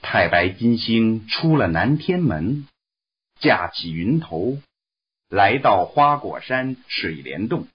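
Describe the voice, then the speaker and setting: A man reading a classic story aloud in slow, expressive narration. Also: on the low side, husky. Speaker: story reader. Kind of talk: Chinese storybook read-aloud. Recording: dull lo-fi recording.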